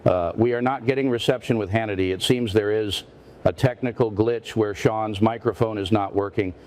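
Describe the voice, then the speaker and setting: In a lightly acted parody, a man plays a news anchor: a stiff, formal, indignant interviewer who keeps pressing and repeating himself in a confrontational way. His lowish, slightly mellow voice holds a steady tone at a moderate pace, and the mood is solemn and formal.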